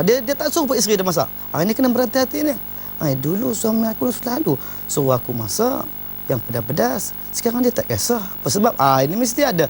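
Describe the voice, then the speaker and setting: A man gives an informal advice talk on marriage. He speaks emphatically and often opens his lines with "ha". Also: a little high.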